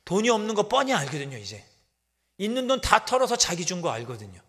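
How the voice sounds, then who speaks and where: A male pastor preaching a sermon, swinging from loud exclamations to hushed, whispered asides. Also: high-pitched, huge pitch swings, quick pace. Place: church sanctuary. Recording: long church hall reverb.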